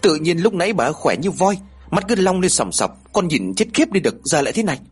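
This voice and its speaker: Man voicing a jittery, higher-pitched young brother. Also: sing-song, brisk, slightly rough, soft background music. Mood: anxious. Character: boy, younger brother, scared and blunt.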